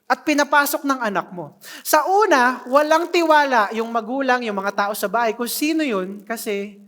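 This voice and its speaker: Animated preacher with hall reverb. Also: mid-range voice, moderate pace. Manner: animated, joking with the congregation. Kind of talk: sermon. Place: church hall. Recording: long reverb of a church hall.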